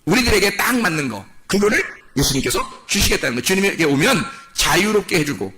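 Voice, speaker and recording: A male pastor preaching a sermon in a church, animated and full of rhetorical questions to the congregation. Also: sits high, brisk, a little hiss or hum.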